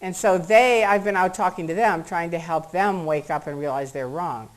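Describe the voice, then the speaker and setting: Middle-aged American woman, slightly low voice, lively first-person account to a crowd, voices the people she quotes. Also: normal speed, poor audio. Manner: animated storyteller acting out quotes in shifting voices. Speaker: speaker at a public talk. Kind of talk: personal story told to an audience. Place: meeting room before an audience.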